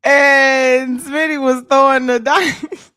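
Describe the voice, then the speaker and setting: A woman hosting a livestream, telling stories in a loud, laughing, profane way. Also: sits high, steady tone, slow pace, no room sound, clean studio sound. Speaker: livestream host. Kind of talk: casual livestream chat.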